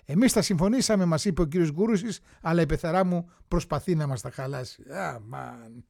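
A man's voice: fairly high pitch, a little mellow, no echo, studio quality. A man reading an old newspaper story aloud, acting out the quotes and dropping wry, chatty asides to his listeners.

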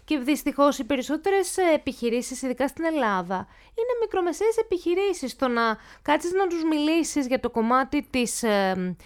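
Woman, cybersecurity expert guest, high voice, explains through everyday examples. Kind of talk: explanatory interview talk.

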